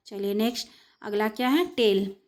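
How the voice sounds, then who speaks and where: A young woman teaching an English lesson in Hindi, spelling words out letter by letter and reading English sentences out very slowly. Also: mid-range voice, a little mellow.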